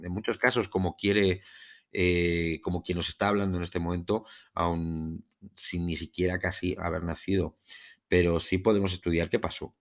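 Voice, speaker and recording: A man with a deep, low voice and a Spain Spanish accent presents a solo podcast. His delivery is formal and measured, somewhere between prepared narration and talk. He favours literary, carefully built phrases. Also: little pitch movement. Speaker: podcast host. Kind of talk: podcast monologue on a UFO case, part scripted narration.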